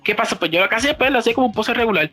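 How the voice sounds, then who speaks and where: A man's voice: very high voice, expressive, racing, sharp tone, faint music behind. A man chatting casually about video games, constantly mixing English phrases into his Spanish and swearing freely.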